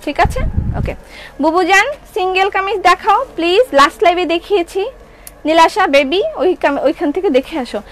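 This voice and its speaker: High-voiced chatty woman selling live. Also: fairly quick, a bit bright, a little hiss or hum, poor audio. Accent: Bangladeshi Bengali. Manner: chatty, reads out viewer comments and answers them. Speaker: online shop seller. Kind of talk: live-stream product sale.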